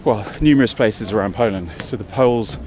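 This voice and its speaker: Speaking a little fast in a low, darkish voice, a travel vlogger from England chats and thinks aloud while walking uphill outdoors on a city hill. He's slightly out of breath, and faint street noise can be heard.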